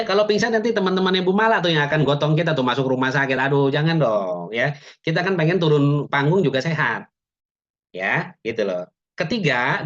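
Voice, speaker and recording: A man's voice: fairly high pitch, fairly bright tone. A man teaching public speaking in an online webinar, chatty, with joking asides and frequent "ya" tags. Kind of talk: webinar lecture. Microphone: video call. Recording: dull lo-fi webinar audio.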